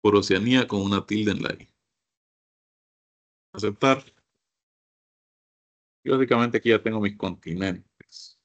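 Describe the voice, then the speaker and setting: A man's voice: lowish voice, a little slow, pauses often, highs cut off. A man teaching a computer course, walking his class through each step and often asking them to look. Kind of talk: screen-share software lesson.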